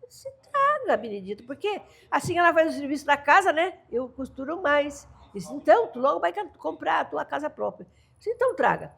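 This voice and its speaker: An older caiçara woman from Brazil's São Paulo coast tells folk tales as an interview guest, her Brazilian Portuguese high-pitched, gravelly and a little fast. The delivery is animated and laughing, with family members voiced in dialogue.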